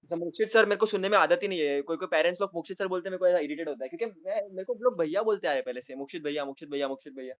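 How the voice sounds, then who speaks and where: Casual young man tutor, pretty high voice, jokey and repetitive. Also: rapid-fire, few pauses, fairly bright tone. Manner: playful, repeats key words, jokey asides. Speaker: chemistry tutor. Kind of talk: casual classroom lecture.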